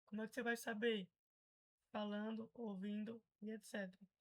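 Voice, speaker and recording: A woman's voice: medium pitch, flat delivery, moderate pace, poor audio. A Brazilian woman teaching English pronunciation in a casual, chatty way, patiently explaining and repeating example words.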